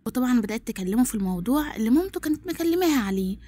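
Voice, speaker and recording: A woman's voice: fairly high pitch, big pitch swings, racing, mellow, breathy edge. A woman with an Egyptian accent recapping a drama plot in run-on storytelling. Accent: Egyptian Arabic. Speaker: narrator.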